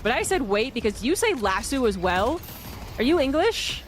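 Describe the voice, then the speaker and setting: A woman's voice: on the high side, very animated. Chatty American woman casting esports. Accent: General American. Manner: chatty, quick and playful. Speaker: esports caster. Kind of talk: live esports commentary. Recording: noisy broadcast mix.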